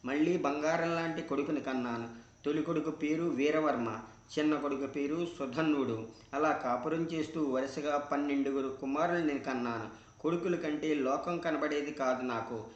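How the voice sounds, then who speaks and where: A man reading a scriptural story aloud in a measured, devotional way, in a roomy, dull recording. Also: on the high side.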